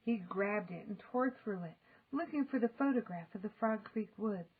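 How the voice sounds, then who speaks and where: An older woman reading a children's story aloud in an expressive, deliberate storytelling manner. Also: mid-range voice, slightly rough, phone-quality sound. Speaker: storybook reader. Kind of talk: expressive children's audiobook narration.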